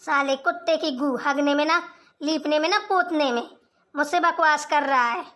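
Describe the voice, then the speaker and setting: A woman voicing an angry, proud old village mother-in-law in a Hindi cartoon, scolding her sons in a sharp-tongued way. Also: sits high, normal speed.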